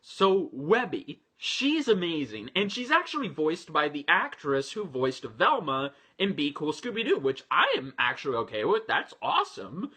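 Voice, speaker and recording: Man, high voice, very animated pitch, bright tone, casual reaction talk. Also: normal speed, hardly any pauses, breathy edge. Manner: chatty, enthusiastic, many fillers. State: voice a little low. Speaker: reaction video host.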